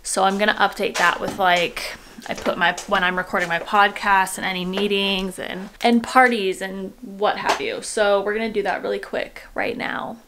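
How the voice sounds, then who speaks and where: In an echoey, bare room at home, a twenties American woman vlogs to camera over background music, rambling informally and cutting herself off. Her medium-pitched voice stays steady at a moderate pace, with background noise present.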